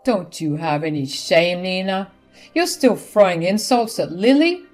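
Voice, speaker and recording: A woman's voice: lowish voice, expressive, a little slow, a little mellow. A stern middle-aged husband scolds in a firm, angry voice, as a woman narrator puts him on. He sounds fed up and unbending. Faint music sits under the reading.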